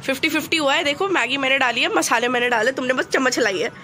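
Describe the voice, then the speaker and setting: Chatty young woman vlogging, high voice. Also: quick pace, bright, forceful tone. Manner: chatty, teasing, laughs often, mixes Hindi and English. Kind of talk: casual vlog chat.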